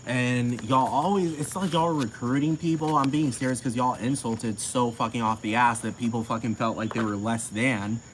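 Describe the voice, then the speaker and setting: A man's voice: medium pitch, moderate pace, few pauses, a little hiss or hum, low-quality recording. A man ranting to camera in a casual, profane, heated way, repeating himself.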